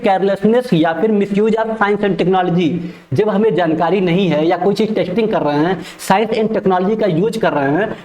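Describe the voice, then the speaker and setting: High-voiced male teacher, repeating points. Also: darkish tone, roomy sound. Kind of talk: exam-prep lecture.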